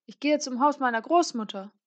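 A woman voicing a cheerful little girl in a red cap, speaking brightly and eagerly. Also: high-pitched, animated, a little fast, pitched above the performer's own voice.

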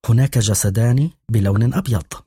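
Male narrator as a scared little boy, trembling, husky. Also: on the low side, a little fast, mellow, no room sound, clean studio sound. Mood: frightened. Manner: trembling questions. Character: frightened small boy.

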